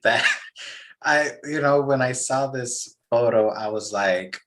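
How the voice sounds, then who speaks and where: A man's voice: medium pitch, takes it slowly, a bit bright. A man hosting a casual interview, asking loose, friendly questions and laughing easily. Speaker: interviewer host.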